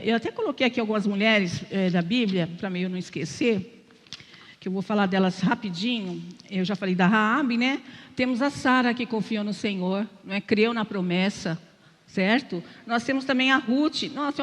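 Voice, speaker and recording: A woman's voice: mid-range voice, big-room sound. An older woman with a Brazilian accent gives a chatty, conversational church message, mixing personal stories and self-deprecating humor and often checking in with her listeners. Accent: Brazilian Portuguese. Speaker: lay speaker at church. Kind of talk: conversational sermon with personal testimony. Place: church sanctuary.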